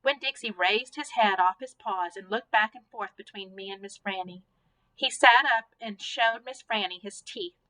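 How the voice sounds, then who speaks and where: A teacher reading a children's novel aloud to her class, with expressive narration. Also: medium pitch, moderate pace, low-quality recording.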